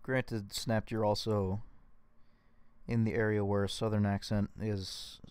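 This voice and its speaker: A man's voice: lowish voice, flat delivery, unhurried, darkish tone, smooth, no room sound. A young man with a US West Coast accent, chatting casually on a livestream, thinking aloud and poking fun at himself. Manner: thinking aloud, self-mocking.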